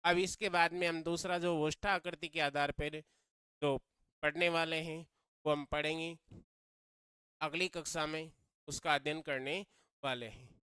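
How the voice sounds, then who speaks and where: A man's voice: fairly high pitch, steady tone, unhurried, long pauses, bright, forceful tone, clear, resonant tone, dry recording. A man teaching a grammar lesson, repeating key phrases and quizzing his students as he goes.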